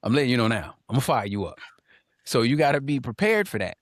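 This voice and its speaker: A man's voice: medium pitch, big pitch swings, quick pace, no room sound, clean studio sound. A man co-hosting a casual podcast panel, talking emphatically, repeating lines for punch and reading viewer comments aloud. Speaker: podcast co-host.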